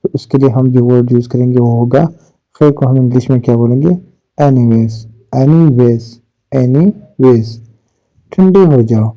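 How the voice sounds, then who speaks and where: A male English teacher with an Urdu accent, a native Urdu speaker, giving a vocabulary lesson and slowly repeating each English word. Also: medium pitch, dark tone. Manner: slow, drawn-out repetition of English words. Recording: dull lo-fi recording.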